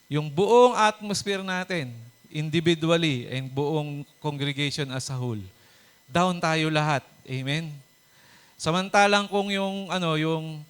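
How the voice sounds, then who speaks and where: A pastor giving a conversational sermon, mixing Tagalog and English, chuckling often and checking in with the congregation with "di ba?" and "Amen?". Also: male voice, on the high side, a bit bright, smooth. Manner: chuckles often while preaching; hesitant, with many fillers and restarts.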